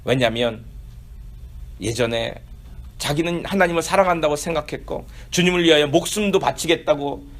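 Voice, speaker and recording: A man's voice: fairly high pitch, moderate pace. A middle-aged man preaching a sermon as pastor, building emphasis on key points and acting out quoted questions.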